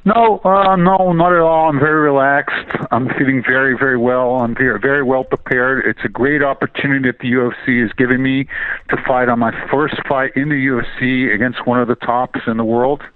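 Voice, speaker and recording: Male interpreter for a press call, mid-pitched, dry sound, phone-grade audio. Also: steady tone, a little fast, no echo. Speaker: interpreter between Portuguese and English. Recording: phone-like conference call line.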